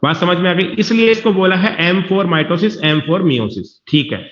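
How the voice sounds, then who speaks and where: Teacher guy, highish voice, keeps checking if the class gets it, roomy muffled recording. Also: animated, moderate pace. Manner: reassuring, repeats himself, checks whether students follow. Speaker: biology teacher. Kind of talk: classroom lecture. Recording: dull, echoey classroom recording.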